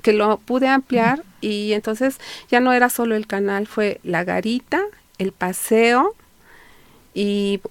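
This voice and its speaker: A woman's voice: medium pitch, fairly even intonation, takes it slowly, dry recording. A Mexican woman with a Mexican Spanish accent, a historian guest on a radio interview, explaining at length with frequent fillers and restarts. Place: radio studio. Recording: dry radio studio.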